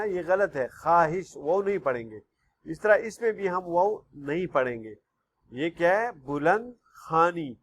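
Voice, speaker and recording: A man teaching a recorded online class to young pupils, patiently repeating words and often checking if they follow. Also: a little high. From Pakistan. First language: Pashto. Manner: patient, repeats words slowly, keeps asking "okay?". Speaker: school teacher.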